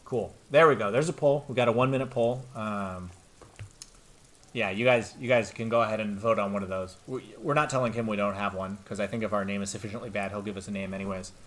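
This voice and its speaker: A man chatting excitedly to viewers as he plays a video game, his throat getting tired. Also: on the low side, quick pace. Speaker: streamer playing a video game. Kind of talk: let's play commentary.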